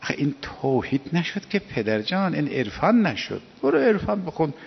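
Guy preaching a sermon, gravelly voice, kinda high, asks lots of questions, echoey hall, muffled sound. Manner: animated, lecturing, rhetorical questions. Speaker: cleric. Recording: dull recording with long hall reverb.

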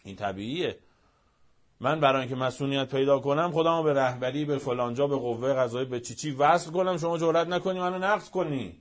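In an impassioned speech blending religion and politics, a man speaks with rhetorical fervor. He lurches from shouting to nearly hushed, low asides.

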